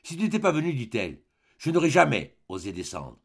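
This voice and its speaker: A man voicing a gentle, timid mother. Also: fairly high pitch, wildly swooping pitch, fairly quick, gravelly, slightly rough, exaggerated voice. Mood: tender.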